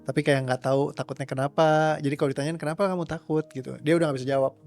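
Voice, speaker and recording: A man's voice: medium pitch, flat delivery, rapid-fire, gravelly, darkish tone, faint music behind. A young man answering interview questions as a coach, rambling casually and slipping English words into his speech. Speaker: trauma release coach.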